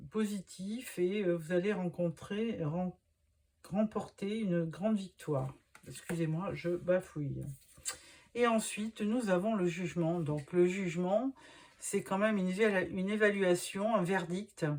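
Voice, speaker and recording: A woman's voice: on the low side, darkish tone. A middle-aged woman giving a tarot reading, hesitant and reassuring, speaking straight to the listener. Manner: hesitant, many filler sounds and restarts; reassuring, addresses the listener directly. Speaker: tarot reader.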